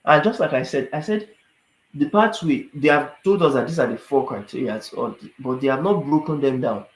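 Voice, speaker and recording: A man's voice: mid-range voice, brisk. A man, a tired immigration advisor talking casually to viewers and often asking whether they understand. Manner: animated, asks rhetorical questions, repeats "do you understand". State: tired, yawning. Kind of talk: casual explainer talk to viewers. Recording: echoey room.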